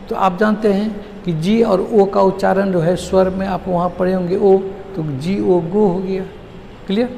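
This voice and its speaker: Male teacher, high gravelly voice, drills syllables, questions the class; long reverb, faint hiss. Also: dark tone. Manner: drills words slowly, syllable by syllable. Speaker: English teacher. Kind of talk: classroom lesson.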